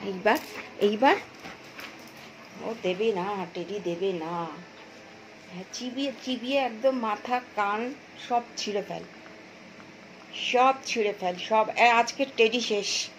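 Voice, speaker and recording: A woman's voice: medium pitch, slow pace, pauses often, a little hiss or hum, low-quality recording. A woman with a Bengali accent chatting to her pet dogs and her viewers in a coaxing, sing-song voice. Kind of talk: casual chat to pets and viewers.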